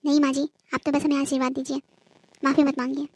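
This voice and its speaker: A woman's voice: high-pitched, level tone, quick pace, no echo, rough recording. Woman doing a meek, dutiful young daughter-in-law. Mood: pleading. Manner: soft, respectful and pleading. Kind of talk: cartoon voice acting.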